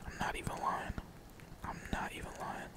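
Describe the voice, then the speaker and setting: A young gaming streamer murmurs a laid-back, whispered running commentary while he plays, at a moderate pace. His voice is almost pure breath with barely any tone. He wanders from thought to thought, packed with slang and plenty of swearing.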